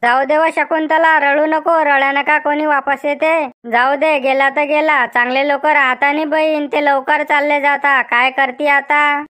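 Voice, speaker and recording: A consoling middle-aged village woman from a cartoon comedy. She speaks with a Vidarbha Marathi accent. Her voice is very high and stays flat in tone. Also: unhurried.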